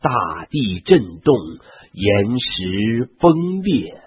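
A man reads a Bible passage in a husky, low voice. His pitch rises and falls widely while his pace stays unhurried. The sound is dry and narrow, like a phone line. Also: sing-song, no echo. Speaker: scripture reader.

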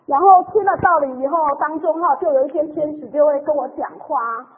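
Speaking quickly in a high voice, a church member gives an emotional, chatty testimony of her faith, ending sentences with soft particles. Her audio sounds thin and tinny, as if a phone call were being aired on the radio.

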